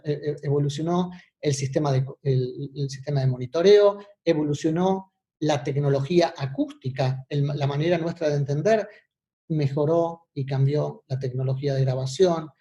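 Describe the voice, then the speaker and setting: Male presenter, soft-toned and a touch high, explanatory, informal online talk with frequent check-ins. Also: normal speed. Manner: explanatory, often checks in with short tag questions. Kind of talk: informal online lecture mixing in English terms. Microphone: video call.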